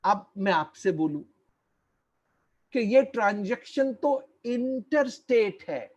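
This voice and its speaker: Slow deliberate man lecturing online. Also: high voice, lively intonation. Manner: slow, deliberate, stretches key words; quizzes listeners, repeats points. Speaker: tax lecturer.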